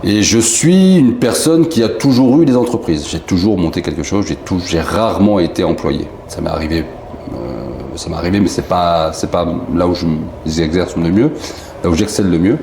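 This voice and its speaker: A man from Marseille, a company founder telling his story in a relaxed, rambling way with many fillers. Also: sits low, moderate pace. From southern France, Marseille. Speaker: company founder, interview guest. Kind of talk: casual interview chat. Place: indoor bar room. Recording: echoey room, faint background noise.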